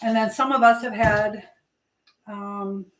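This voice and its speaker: In her home kitchen, a woman livestreams while cooking, chatting casually and rambling as she thinks aloud; she's a host who also teaches languages. Her mid-range voice moves slowly with fairly even intonation. The audio has a roomy echo and clearly audible background noise.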